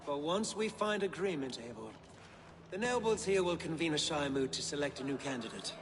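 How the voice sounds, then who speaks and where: Casting: man voicing a diplomatic old-world lord in a game, slightly high, crowd and reverb behind. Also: lively intonation, natural voice. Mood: formal. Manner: formal, courteous, deliberate. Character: Saxon nobleman, formal and diplomatic. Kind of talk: video game dialogue.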